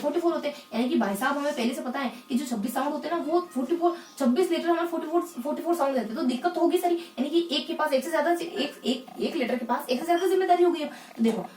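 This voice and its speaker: A woman teaching English phonetics in a lesson, asking the class questions and answering them herself, and repeating key words slowly. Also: sits high, reverberant, recorded from a distance, a little hiss or hum. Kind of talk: explanatory lesson in Hindi.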